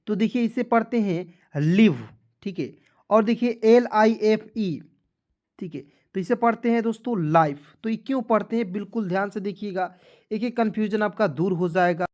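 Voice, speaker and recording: Man teaching, spelling letters out slowly. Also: sits high, a little mellow. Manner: addresses viewers as friends, with frequent filler checks. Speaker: online English teacher. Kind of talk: spoken classroom lesson on English pronunciation.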